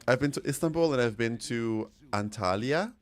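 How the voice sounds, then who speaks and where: A man's voice: medium pitch, lively intonation, moderate pace. A young man with an Austrian accent chatting casually with his stream chat and laughing often.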